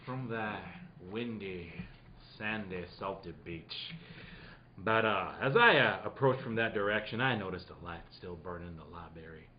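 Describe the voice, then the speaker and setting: A man's voice: sits low, moderate pace, highs cut off, lightly acted. A man playing Sherlock Holmes as a nonchalant, theatrical detective in an old-time radio mystery, with playful asides. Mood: storytelling, playful. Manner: playful, breaking off into asides and laughter. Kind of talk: hammy old-time radio mystery read, with joking ad-libs.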